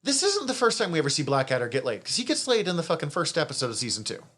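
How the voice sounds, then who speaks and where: Animated, lively-pitched man chatting. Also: very fast, breathy edge. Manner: animated, swears freely, laughs often. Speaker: podcast co-host. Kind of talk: casual review chat.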